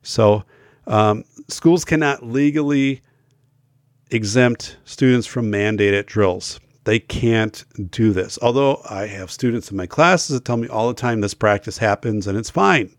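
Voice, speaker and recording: A middle-aged man hosts a school safety talk show, speaking casually to camera in a fairly low, slightly slow voice. He's losing his voice and feeling unwell, yet stays emphatic, with plenty of fillers and restarts. The recording is dry and clean, with studio sound.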